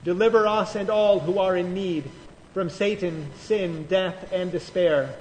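A high-voiced man leads the prayers of a large church in a slow, measured liturgical cadence. His words roll out into a long cathedral echo. Faint music sits in the background. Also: fairly even intonation, slight background noise. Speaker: pastor.

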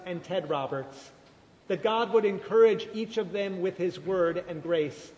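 High-pitched man praying in cathedral-like echo. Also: darkish tone. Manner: solemn, measured. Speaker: pastor leading liturgy. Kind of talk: formal liturgical prayer recitation. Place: large reverberant church. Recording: long church reverb, cathedral-like echo, faint noise.

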